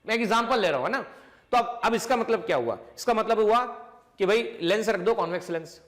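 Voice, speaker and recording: A man teaching a physics class, asking questions and answering them himself, slowing down on key points. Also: sits high, expressive. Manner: slows down to stress key points. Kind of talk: classroom lecture.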